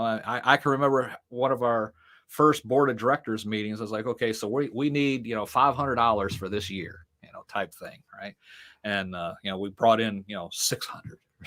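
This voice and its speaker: This middle-aged man, who founded a ministry, speaks at medium pitch, fairly quickly and a bit brightly. As an interview guest he rambles through long stories, dropping lots of fillers and the odd laugh.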